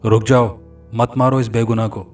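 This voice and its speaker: A man voicing a calm, defiant young man with uncanny power in a storybook horror tale, giving steady orders. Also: medium pitch, moderate pace, recorded from a distance, faint music behind, close to an everyday voice.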